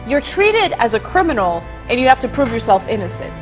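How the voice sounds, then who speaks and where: A woman's voice: on the high side, sing-song, brisk. A woman hosting conversational news commentary in an informal, indignant way. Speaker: political talk show host. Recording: music bed under the voice.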